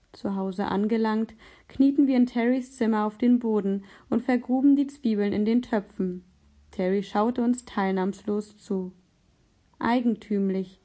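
Warm-toned woman narrating a story. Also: a little high.

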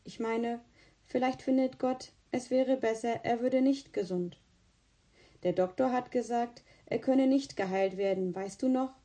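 A woman voicing a serious, thoughtful young boy who speaks quietly and musingly. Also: on the high side, unhurried, natural voice. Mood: earnest.

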